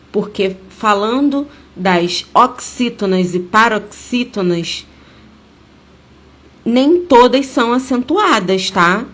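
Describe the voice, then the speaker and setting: A Brazilian woman teacher speaking Portuguese, giving a remote grammar lesson to her class, slowly stressing each example word. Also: mid-range voice. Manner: slow, deliberate, stressing words as she explains.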